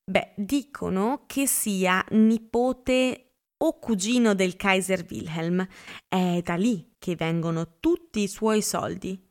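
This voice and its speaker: A woman reading a gossipy excitable young woman. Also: medium pitch, slow. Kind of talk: audiobook character reading.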